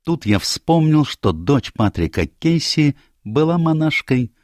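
A man's voice: a little high, very animated, measured pace, a little mellow, dry recording, studio quality, voice pushed up. A man voicing a commanding, self-assured older detective in a read-aloud story, precise in manner. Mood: explaining. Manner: authoritative, precise.

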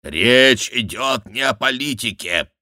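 A man voicing a stern male voice that poses as God and speaks slowly and solemnly. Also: medium pitch, lively intonation, pushed and bright, no echo, studio quality, pitched above the performer's own voice, full character voice. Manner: slow, solemn, preaching.

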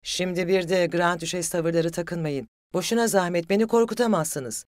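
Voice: medium pitch, moderate pace, no echo, studio quality, pitched above the performer's own voice, natural voice. A narrator voicing a proud, hot-headed young male suitor who talks in a raised, agitated and mocking way. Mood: furious.

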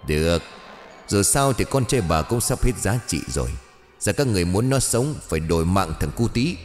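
A man's voice: fairly low pitch, expressive, moderate pace, in a large hall, soft background music, lightly acted. A man voicing a sly male hungry ghost that poses as a wealth god, sneering and bargaining. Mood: cold.

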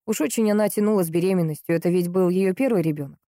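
Curt doctor guy, matter-of-fact, low mellow voice, read by a woman. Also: racing, no room sound, clean studio sound, lightly acted.

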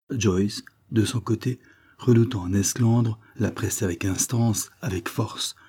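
A man narrating a classic novel in a steady, measured reading. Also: low voice, breathy edge. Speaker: audiobook narrator. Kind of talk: scripted narration.

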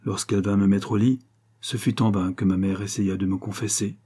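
A man narrating a literary story aloud, in an expressive, dramatic reading style. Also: on the low side, fairly quick, slightly rough. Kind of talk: scripted audiobook narration.

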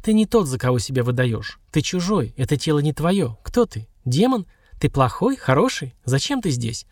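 A woman's voice: low voice, sing-song, normal speed, darkish tone, no echo. A man putting on a shrewd old village witch. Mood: probing. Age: older. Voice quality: grumbling, knowing, dry chuckle.

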